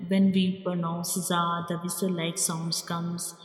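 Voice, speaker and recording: A woman's voice: lowish voice, flat delivery, slow pace, roomy sound, long reverb tail, faint music behind. A woman teaching Quran letter pronunciation step by step, repeating each point and modeling the sounds. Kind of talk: slow step-by-step pronunciation lesson.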